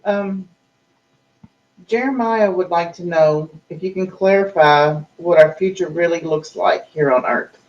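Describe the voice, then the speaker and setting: Slow-speaking woman, slightly dull recording. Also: lowish voice, darkish tone. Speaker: questioner relaying audience questions. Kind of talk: casual question and answer. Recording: dull, muffled lo-fi sound.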